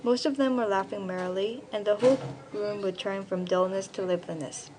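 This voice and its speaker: A woman's voice: mid-range voice, a little fast, crowd noise, low-quality recording. Earnest teen girl reading her essay. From Korea. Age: young teen. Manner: careful, earnest storytelling read from a script. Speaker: student essayist. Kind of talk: reading a personal essay aloud.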